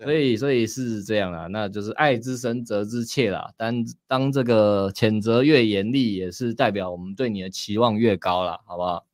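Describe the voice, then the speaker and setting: A man's voice: lowish voice, moderate pace, few pauses, no room sound, clean studio sound. A man with a Taiwanese Mandarin accent, coaching in a casual chat, talking bluntly and sternly. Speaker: dating coach.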